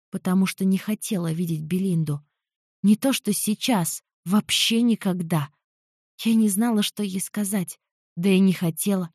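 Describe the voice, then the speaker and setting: A young woman narrating a first-person fantasy audiobook in an expressive, emotional reading. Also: medium pitch, no echo, studio quality.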